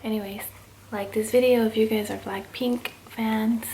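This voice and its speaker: A woman vlogger with a fairly high voice talks casually to her viewers as she unboxes something. A slight lisp from her retainer colors her words, and there is clear noise with small clicks behind her. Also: moderate pace. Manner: informal, excited, addressing viewers as guys. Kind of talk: casual unboxing vlog to camera.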